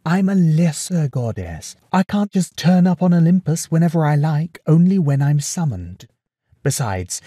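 A man voicing a female nymph, a lesser goddess, speaking tentatively and gravely. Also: mid-range voice, warm tone, no echo, studio quality, voice pushed up, natural voice. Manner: tentative, grave when explaining.

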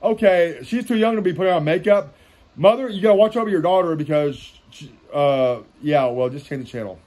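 A man's voice: a little high, fairly quick, darkish tone. A man making goofy comments on cartoons at home, breaking into silly songs and squeals.

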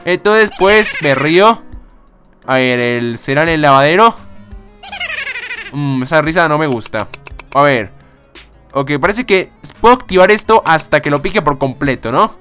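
A young man casually commenting on a game, excitable, swearing and laughing often. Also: a little high, unhurried, pauses often, faint music behind. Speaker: gaming YouTuber. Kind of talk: casual let's-play commentary.

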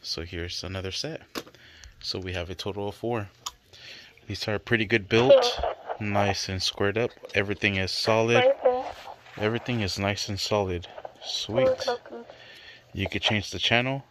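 Indoors in a bedroom, a father casually talks through an unboxing review, his lowish voice sing-song and a little slow, with frequent pauses. His manner is relaxed and plain, captured on a noisy handheld home recording.

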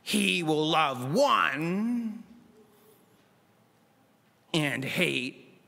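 A middle-aged man preaching a sermon from a church pulpit, acting out dialogue with dramatic swings between loud and soft. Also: fairly high pitch, extremely slow, vocal fry. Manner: dramatic, voices God and Moses in lively asides. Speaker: pastor. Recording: long church reverb.

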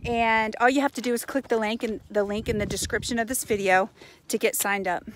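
An American woman in her forties talking casually and earnestly in a motivational vlog, pausing for emphasis, recorded outdoors on a phone at arm's length. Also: on the high side, steady tone, low-quality recording. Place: outdoors on a residential path by a pond. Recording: faint outdoor background noise.

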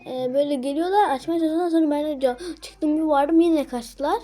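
A woman's voice: high-pitched, fairly quick, warm tone. A young girl telling a rambling, agitated story about neighborhood kids in a casual vlog. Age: child. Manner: agitated, rambling with many restarts. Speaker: vlogger.

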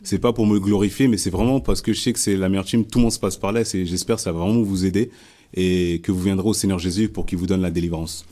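A man's voice: low-pitched, steady tone, fast, warm tone. A man from France leading a Bible study, preaching informally and sharing a testimony, talking conversationally with frequent repeats and restarts.

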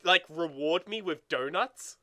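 A young man co-hosts a let's play, trading casual gaming banter in a fairly high, bright voice with a forceful tone. He speaks a little slowly, rambling, swearing, and leaning heavily on fillers, especially "like."

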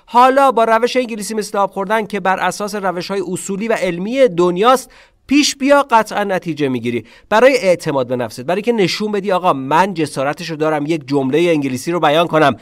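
A man whose first language is Persian teaches an English lesson online. He repeats short English phrases slowly and clearly, and he teases his viewers in quick asides. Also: sits high, no room sound, studio quality.

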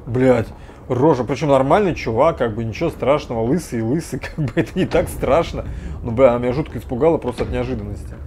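A man giving casual gameplay commentary, muttering to himself and breaking into frequent loud swearing. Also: medium pitch, fast, a little hiss or hum. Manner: swears often, loud startled outbursts; mutters to himself while playing. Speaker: let's play gamer.

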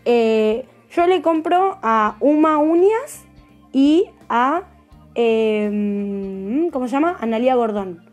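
A woman's voice: on the high side, expressive, slow pace, darkish tone, faint music behind. Chatty Argentine woman teaching nail care. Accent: Argentine Spanish. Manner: chatty, keeps asking "¿sí?". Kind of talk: live tutorial talk.

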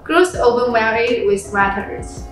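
Brief: young female product presenter, fairly high voice, scripted read, heavy room echo, music behind. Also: measured pace. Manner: reads a script, plain and steady, with non-native phrasing. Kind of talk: reading a product review script. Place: small room indoors. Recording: very echoey room with background music.

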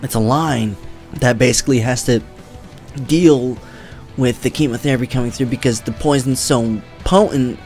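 Speaking at a normal pace into a desk mic, this twentysomething streamer vlogs casually from a small indoor room at home, wandering off topic and cursing freely. His voice is medium in pitch with a darkish tone, slightly worn because treatment has weakened it, over faint background music.

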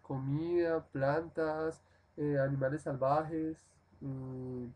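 A man leads a live-streamed English lesson at an unhurried, deliberate pace. He explains patiently, repeats the practice phrases several times, and keeps checking that his listeners follow. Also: on the high side, little pitch movement, dull audio. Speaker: English teacher.

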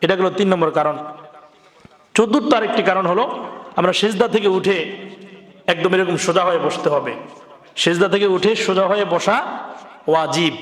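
A man preaching a sermon to a gathering, asking the crowd questions and dropping his voice low on each warning. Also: brisk, pauses often. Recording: echoey hall.

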